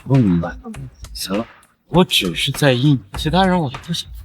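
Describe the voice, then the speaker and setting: A man's voice: mid-range voice, big pitch swings, normal speed, slight background noise, natural voice. Actor as a blunt, hot-headed young man. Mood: indignant. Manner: indignant, blunt. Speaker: lawyer's partner. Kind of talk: short drama acting.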